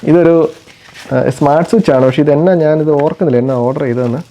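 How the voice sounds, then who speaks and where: A man's voice: fairly high pitch, fast talker, warm tone. A father chatting casually while unboxing parcels, explaining each item and playing with his little daughter. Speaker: father and family vlogger.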